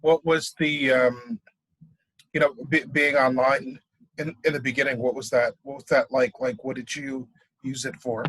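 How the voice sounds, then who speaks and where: A man talking casually in an interview, relaxed and using many fillers. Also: mid-range voice, moderate pace, rough recording. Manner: relaxed, filler-heavy speech. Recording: dry, close sound.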